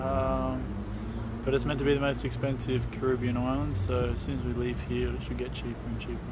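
A man's voice: medium pitch, little pitch movement, a little fast, heavy background noise. A young man chatting casually in a laid-back, joking way while sailing and wandering a harbour town. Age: young adult. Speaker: sailing vlogger. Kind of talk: casual travel vlog chat. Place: outdoors on a sailboat and harbourside. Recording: music bed playing under the voice. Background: loud music.

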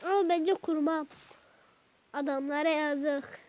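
A woman hosting a gaming channel, chatting to her viewers while she plays, with sudden excited outbursts at the game. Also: high voice, slow. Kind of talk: let's-play gameplay commentary. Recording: dull lo-fi recording.

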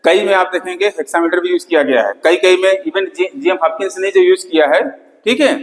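In an echoing classroom with a board, an English literature lecturer delivers a lesson in mixed Hindi and English. His male voice is high and a little fast, and he keeps repeating key terms and asking "theek hai" again and again.

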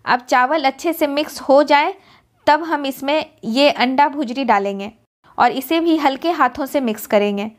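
A woman giving a calm, step-by-step cooking voice-over as host of a recipe channel. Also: sits high, normal speed. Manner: calm, instructive, explains each step.

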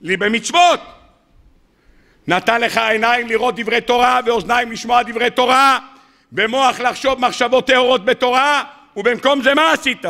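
A man, a rabbi, giving a sermon, asking rhetorical questions and swinging between loud rises and quiet drops. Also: very high voice, gravelly.

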